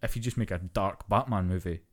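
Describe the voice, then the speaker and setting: A man's voice: low-pitched, brisk. A young man co-hosting a podcast, ranting casually and swearing freely as he chats. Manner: profane, ranting, animated. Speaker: podcast co-host. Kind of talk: casual chat.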